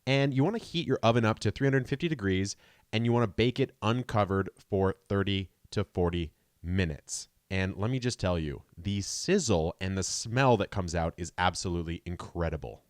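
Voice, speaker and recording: A man hosting a gardening channel, casually talking through a recipe in a relaxed, conversational voice-over. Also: sits low, moderate pace, no echo, clean studio sound.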